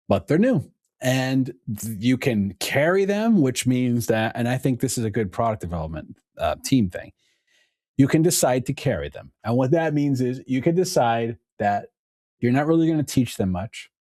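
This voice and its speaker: A man, a podcast guest, telling stories in a casual conversation with an animated, laughing manner. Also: mid-range voice, no room sound, studio quality. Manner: animated storytelling, laughs often.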